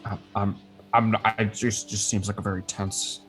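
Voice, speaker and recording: A player voicing a shy frog child camper who mumbles hesitantly and quietly. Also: mid-range voice, wildly swooping pitch, racing, soft background music. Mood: mumbling.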